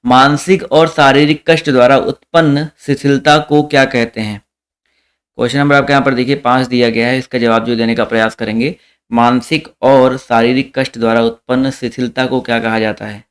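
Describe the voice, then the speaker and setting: A young man leads a live online exam-prep lesson with a smooth, resonant voice. He reads out each question, repeats it, and calls out the answer to his viewers. His pitch sits at an ordinary middle height. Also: steady tone, normal speed.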